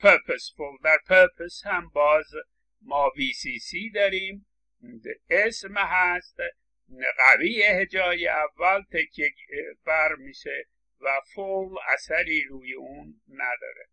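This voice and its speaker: A middle-aged university lecturer, a man, explaining patiently and stressing words as he repeats examples, with English words. His voice is gravelly yet bright and sits a little high for a man. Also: low-quality recording. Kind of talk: recorded lecture.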